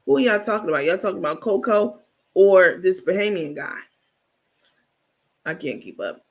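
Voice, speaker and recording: A man with a high voice and a gravelly edge hosts a casual live gossip stream. He talks bluntly and animatedly, answering his chat as he goes. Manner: animated, talkative, blunt, laughs often. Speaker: livestream host.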